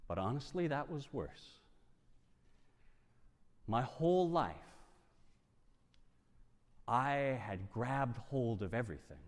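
A man performing a first-person dramatic monologue, swinging from hushed lines to loud bursts. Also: medium pitch, animated, slow pace, long pauses. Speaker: storyteller. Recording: long hall reverb.

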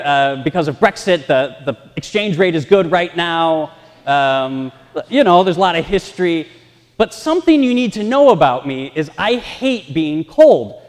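A man preaching a sermon, telling lively, self-mocking stories from the pulpit, his voice ringing with a cathedral-like echo in a large church. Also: high-pitched. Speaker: pastor. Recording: long reverb in a church hall.

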